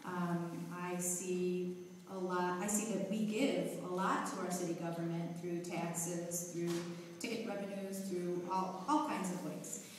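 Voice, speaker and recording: A woman, a candidate, giving a calm, earnest debate answer. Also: fairly low pitch, a little slow, a little hiss or hum. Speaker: aldermanic candidate. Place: large hall with stage. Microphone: far phone camera. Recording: echoey hall from far off.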